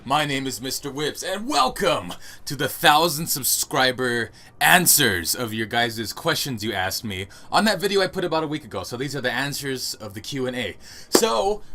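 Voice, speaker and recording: Bright-voiced young man chatting. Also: medium pitch, very animated, normal speed. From United States. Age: young adult. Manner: chatty and rambling, laughs often. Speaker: YouTube gaming channel host. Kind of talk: casual Q&A monologue. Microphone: home voice recording.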